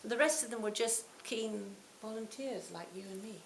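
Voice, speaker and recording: A woman in her sixties giving a reflective Buddhist talk to a retreat audience, her phrases often trailing off softly. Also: a little high, normal speed, vocal fry. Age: 60s. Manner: reflective, warm storytelling with soft trailing phrase ends. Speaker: Buddhist teacher. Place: retreat hall. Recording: roomy hall, faint hiss.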